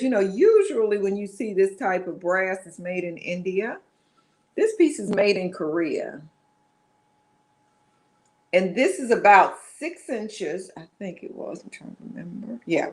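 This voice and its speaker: A woman presenting items in a live online sale, chatting casually and meandering, often correcting herself. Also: mid-range voice. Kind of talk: casual live-stream selling chat.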